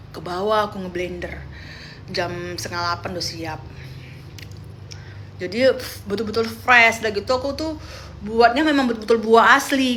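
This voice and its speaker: A young woman chatting on a phone livestream, telling animated stories and quoting her friends. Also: medium pitch, slight background noise. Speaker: live streamer. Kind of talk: casual livestream chat.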